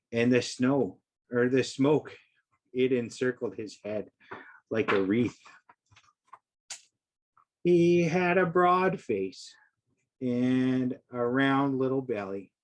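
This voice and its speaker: A man playing a jolly old Santa reading a storybook aloud in a gentle, folksy way, with casual, halting asides. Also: mid-range voice, lively intonation, poor audio. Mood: merry storytelling.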